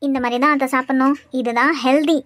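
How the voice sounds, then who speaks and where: A bossy cartoon daughter-in-law, voiced by a woman, firm and scolding in a Kanyakumari Tamil accent. Her voice is high, and the sound is dry and close. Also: fairly even intonation, fast talker, fairly bright tone, no room sound.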